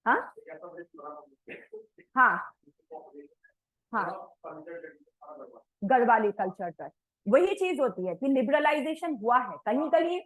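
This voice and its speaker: High-voiced woman teaching an online class. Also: big pitch swings, takes it slowly, long pauses, low-quality recording. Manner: conversational, mixes English words into her explanations. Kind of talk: online lecture. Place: coaching class.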